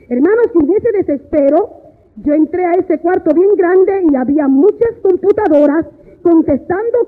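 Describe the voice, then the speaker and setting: A woman preacher giving an impassioned testimony sermon, often breaking into tearful cries and calling her listeners brothers. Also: high voice. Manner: keeps addressing listeners as brothers. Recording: tinny lo-fi phone-like sound.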